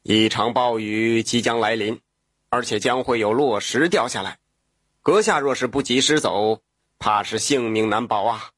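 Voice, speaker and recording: A man voicing an old yellow weasel spirit who appears as a calm, kindly old man, speaking in slow, measured, courteous old-fashioned phrases. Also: mid-range voice, no room sound, studio quality, pitched below the performer's own voice, close to an everyday voice. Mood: grave warning. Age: older.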